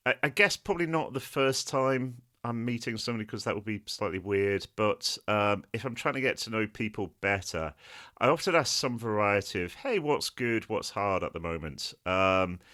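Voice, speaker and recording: A man's voice: on the low side, expressive, normal speed, bright, forceful tone. A man hosting a podcast over a video call, talking in a friendly, casual way with lots of "uh" fillers. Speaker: podcast host.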